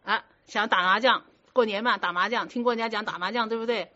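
Bright-voiced woman teaching dharma. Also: a little high, fast talker. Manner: conversational, rhetorical questions to the listeners; firm, instructive. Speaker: Buddhist teacher. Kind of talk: dharma talk to students. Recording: muffled lo-fi recording.

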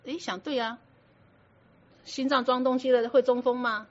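Her voice sits high, with fairly even intonation and a normal speed. She is a Buddhist teacher leading a dharma talk, firm and instructive in tone, talking conversationally and addressing rhetorical questions to her students. The sound is muffled and lo-fi.

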